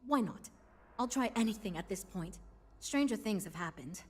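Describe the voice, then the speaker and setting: An actress voicing a weary but earnest starship designer in a video game, speaking in a dry, wry, patient way. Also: female voice, medium pitch, animated, normal speed, darkish tone, slightly rough. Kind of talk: video game character dialogue.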